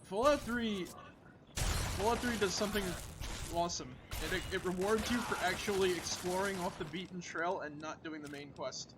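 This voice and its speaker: A man's voice: sits high, moderate pace, background noise. A man streaming a game, chatting casually and rambling with lots of filler words and restarts. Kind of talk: casual gaming chat.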